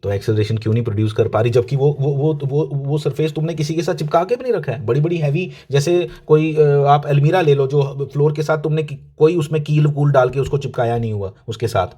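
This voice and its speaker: A male teacher with a slightly high voice, explaining a lesson to his students. He talks casually and directly, keeps repeating key points, and asks questions that he answers himself. His speech is full of English terms. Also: brisk, few pauses, dark tone. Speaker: physics teacher.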